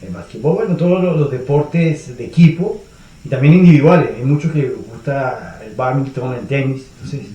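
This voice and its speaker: Venezuelan man, mellow voice, echoey room. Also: medium pitch. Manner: measured, with frequent hesitations and tag questions. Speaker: guest. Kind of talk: casual interview answers.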